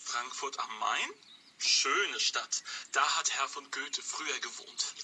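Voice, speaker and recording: A man's voice: mid-range voice, animated, slow pace, sharp tone, a little hiss or hum, full character voice. An actor playing a loyal but self-important secretary and coachman, polite and a bit pompous. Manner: polite, fussy, a little pompous. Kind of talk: radio play for language learners.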